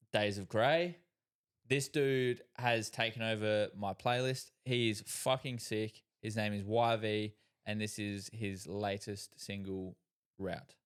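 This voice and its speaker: A man's voice: lowish voice, steady tone, measured pace, clean tone. A man co-hosting a podcast in casual chat, laid-back and laughing easily, swearing often. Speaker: podcast co-host.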